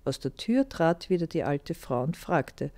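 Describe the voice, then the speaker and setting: A woman reading a fairy tale aloud in a calm, even storytelling manner. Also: low-pitched, measured pace, no room sound.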